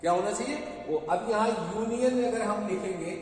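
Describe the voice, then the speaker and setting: Indian guy teaching grammar, asks and answers his own questions, highish voice, far off in a boomy room. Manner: repeats questions and answers them, drills slowly. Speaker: English teacher. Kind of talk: classroom grammar lesson. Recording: echoey hall, from far off, faint noise.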